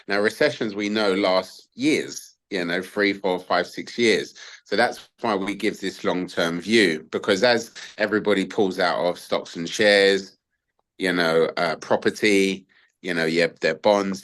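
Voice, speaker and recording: A man's voice: deep voice, fairly bright tone. A man, a gold investment adviser, explaining his approach in a talkative, casual interview style with many fillers and asides.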